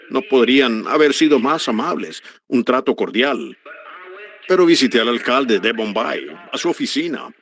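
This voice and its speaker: A man preaching a sermon, earnest and animated, breaking into sudden high exclamations.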